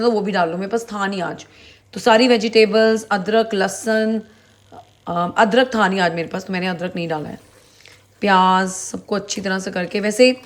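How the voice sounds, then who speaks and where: Chatty Indian woman explaining a recipe. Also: medium pitch. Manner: chatty, homely, talks straight to viewers. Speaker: cooking vlogger. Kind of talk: casual cooking explanation. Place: home kitchen.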